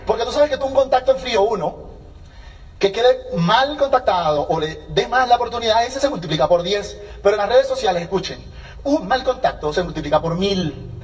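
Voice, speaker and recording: A man with a high voice addresses a seminar crowd, energetic and motivational, slipping into quick acted-out exchanges. He sounds a bit away from the mic. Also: far from the mic. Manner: energetic, acts out dialogues with changing voices. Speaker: seminar speaker.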